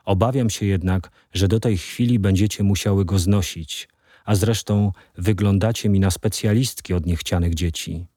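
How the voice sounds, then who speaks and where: A steely older grandmother, read by a man in his own low voice, calm and patient with quiet menace. The tone is deep and mellow, and the recording is dry and close. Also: normal speed, no echo. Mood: menacing.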